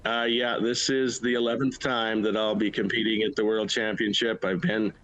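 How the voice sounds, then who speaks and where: A man's voice: on the low side, flat delivery, moderate pace, a bit bright, low-quality recording. A middle-aged man with a Canadian Prairie accent, answering interview questions in a plain-spoken way, in short bursts. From Manitoba, Canada. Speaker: livestock auctioneer, interview guest. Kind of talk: casual interview conversation.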